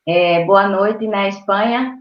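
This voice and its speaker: A university professor from Brazil gives a webinar talk over a video call in a mid-range voice. She speaks haltingly and often stops to search for words, and the audio sounds roomy and dull, as video calls do.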